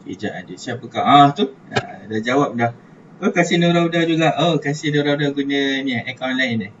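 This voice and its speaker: A man's voice: mid-range voice, expressive, moderate pace. A man with a Malaysian Malay accent, a religious studies teacher giving an online class, chatty and repeating words as he thinks aloud. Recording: distant mic, dull lo-fi, faint hiss.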